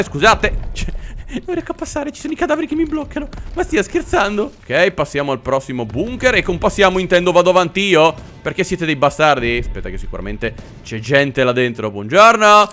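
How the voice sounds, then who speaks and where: A young man talks through a war video game with a joking, exclamatory delivery. His voice is high and bright, and it swoops up and down with lively energy. Faint music plays under him. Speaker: gaming video host. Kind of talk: let's play commentary.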